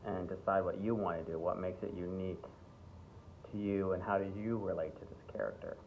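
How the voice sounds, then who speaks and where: A fairly low-voiced man leads an acting workshop in an easygoing, conversational way, often stopping to check in with his students. His voice comes through a narrow, phone-like channel. A faint hiss sits behind it. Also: a little fast. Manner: relaxed, repeats words, often checks in with "okay?" and "right?"; breaks into playful accent demonstrations. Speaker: acting teacher. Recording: tinny phone-like sound with faint background hiss.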